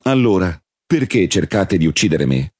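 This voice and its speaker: A man reading the part of a calm, solemn male religious teacher in a measured, husky voice. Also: low voice, dry recording, clean studio sound, exaggerated voice.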